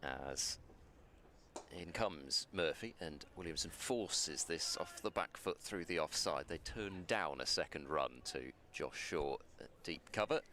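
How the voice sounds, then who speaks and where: A very low-voiced man calling cricket ball by ball from a commentary box above the ground. He speaks in a measured, dry, self-deprecating way and stumbles over restarts. Faint ground noise sits behind him. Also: lively intonation, bright, forceful tone.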